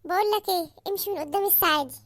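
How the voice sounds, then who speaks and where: A very high, squeaky cartoon housewife, played by a woman scolds her husband in rapid Egyptian Arabic. She is sharp-tongued and teasing, firing off quick sarcastic retorts at a brisk clip. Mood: scolding. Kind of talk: cartoon comedy voice acting.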